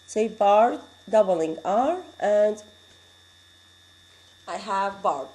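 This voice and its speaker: A woman with an Arabic accent teaching English spelling rules, explaining slowly and repeating each example word. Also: medium pitch, animated, mellow, rough recording. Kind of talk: classroom lecture.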